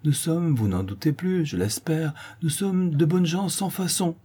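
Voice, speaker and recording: A man voicing a gracious, gently persuasive young woman, softly coaxing, in an audiobook reading. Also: fairly high pitch, a little slow, husky, voice pushed up.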